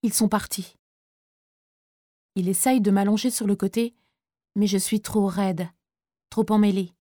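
A woman reading a first-person audiobook in a quiet, weary, intimate manner. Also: medium pitch, steady tone, moderate pace, dry recording, clean studio sound. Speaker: audiobook narrator.

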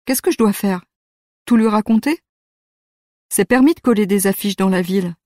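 A woman reads a youth novel aloud in the first person, steady and measured. Her pitch is middling, and the recording is close and dry with no room sound. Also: no room sound. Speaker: audiobook narrator. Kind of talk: scripted narration of a youth novel.

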